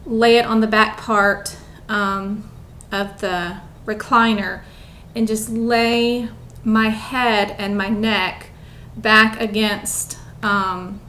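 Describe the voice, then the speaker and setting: A woman's voice: mid-range voice, fairly bright tone, slight background noise. A young woman chatting casually to camera at home, rambling with lots of ums and a bit out of breath. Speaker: vlogger.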